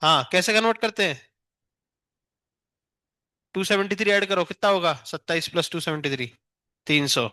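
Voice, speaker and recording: A male teacher with an Indian accent quizzes his class in a high, sharp voice, teasing students who stand up to answer. The sound is close and dry, with no room echo. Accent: Indian English. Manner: questions students rapid-fire, teasing. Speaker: physics teacher. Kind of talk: classroom lecture with questioning.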